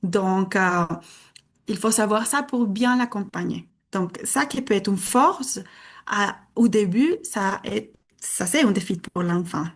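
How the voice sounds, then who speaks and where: A Spanish-speaking woman gives a conference presentation in a medium-pitched, animated voice at a slow pace. She comes across as earnest and explanatory, though somewhat hesitant.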